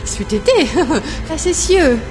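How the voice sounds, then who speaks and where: A woman's voice: extremely high pitch, very animated, slow, a little mellow, faint music behind, heavily acted. A woman playing a playful, scatterbrained young elf with a flighty, lilting way of talking in a rhyming comic fantasy audio drama. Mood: amused.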